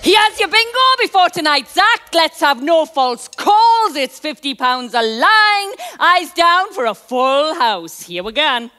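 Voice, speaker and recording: A woman on stage playing a brisk, sardonic bingo caller, calling numbers in a rhythmic sing-song. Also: high voice, very animated, pushed and bright, soft background music, exaggerated voice. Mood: brisk, showy. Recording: live theatre stage performance.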